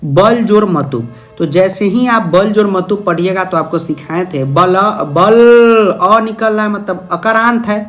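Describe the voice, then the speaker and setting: A young male tutor works through a Sanskrit exam paper. His voice sits notably high, and his manner is playful and teasing. He keeps asking questions and then answering them as if he were a student. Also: measured pace, soft background music. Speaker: Sanskrit teacher. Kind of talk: exam-prep video lesson.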